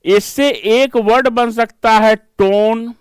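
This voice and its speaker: A man with an Indian accent gives an exam-prep reasoning lesson, walking through each step and pausing to ask rhetorical questions. His voice sits high and sounds crisp and clear. The recording is dry and close. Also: steady tone, no echo. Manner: explains step by step, mixing Hindi and English, asks rhetorical checks. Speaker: reasoning teacher.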